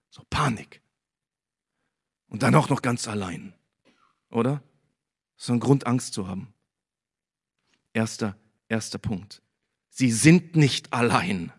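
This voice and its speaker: A man preaching a sermon, emphatic and repetitive, with casual asides and filler sounds, who reads a Bible passage aloud. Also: medium pitch. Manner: emphatic, rising and falling in loudness, repeats phrases.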